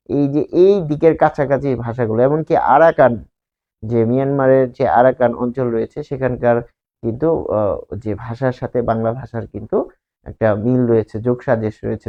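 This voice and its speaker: A man from Bangladesh, teaching a grammar lesson, explaining slides and asking and answering his own questions. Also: mid-range voice. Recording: slightly dull lo-fi recording.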